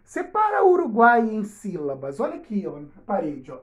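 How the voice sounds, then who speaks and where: A woman teacher gives a recorded video lesson for young pupils, slowly drawing out example words and checking in often with her class. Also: mid-range voice, wildly swooping pitch. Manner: slow, drawn-out spelling of example words. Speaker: schoolteacher. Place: home or classroom, projecting slides on a wall.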